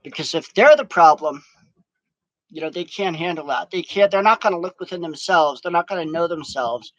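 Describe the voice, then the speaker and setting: A man gives a rambling, profane vlog monologue outdoors in the wind. His voice sits high. The sound is dry and close. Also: moderate pace, a bit bright, no room sound, low-quality recording. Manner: profane, ranting.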